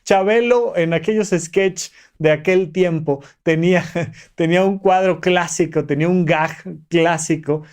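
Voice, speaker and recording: A man's voice: fairly high pitch, measured pace, a little mellow, clean tone. A man hosting a podcast, teaching step by step in a coaxing, explanatory way. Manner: didactic, enumerates steps, coaxing tone with listener. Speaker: podcast host. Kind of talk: motivational podcast monologue.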